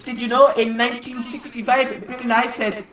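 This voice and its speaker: Young guy doing a goofy mock-tough persona, super high bright voice, echoey far-off mic. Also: level tone, moderate pace. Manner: silly put-on foreign-sounding persona, mock-menacing. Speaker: gamer in voice chat. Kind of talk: in-character multiplayer banter.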